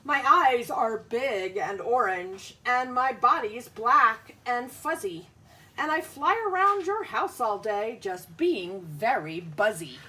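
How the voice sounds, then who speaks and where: Reading a picture book to young pupils, this female schoolteacher has a fairly high, bright voice that sounds pushed, with lively intonation and a slow delivery. She keeps explanations simple and asks the children questions. The audio quality is poor.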